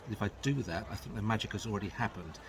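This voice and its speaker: Brief: middle-aged male card magician, lowish voice, casual chatty patter while demonstrating tricks. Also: racing, background noise. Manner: chatty, explaining as he handles cards.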